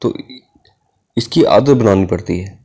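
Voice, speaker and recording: A man reads a scripture commentary in an earnest, measured way, then preaches on prayer in a casual tone. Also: on the low side, darkish tone, breathy edge. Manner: measured, earnest reading with unhurried pauses. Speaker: religious speaker.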